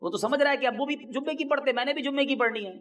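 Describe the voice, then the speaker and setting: A man's voice: very high voice, fairly bright tone. A man delivering an impassioned, emphatic sermon as a preacher, his voice rising sharply on key points.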